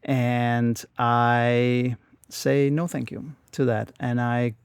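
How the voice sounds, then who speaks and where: Danish-accented man, forties, halting and repeating, slow deliberate pace, dry studio sound. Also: medium pitch, flat delivery, smooth, no room sound. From Denmark. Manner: halting, repeats words while telling his story. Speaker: guest. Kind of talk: casual interview storytelling. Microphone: studio microphone.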